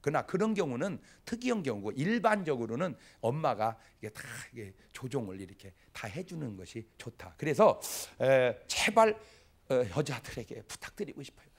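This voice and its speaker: A middle-aged male pastor giving a sermon in a folksy, animated way, acting out bits of dialogue. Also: mid-range voice, moderate pace, husky.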